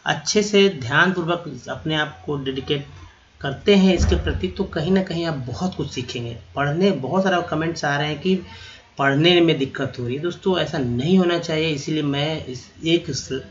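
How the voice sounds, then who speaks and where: A man teaching vocabulary, spelling words out letter by letter, repeating them slowly and calling his viewers friends. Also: fairly high pitch, a bit bright, muffled recording. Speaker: English teacher. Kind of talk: vocabulary lesson.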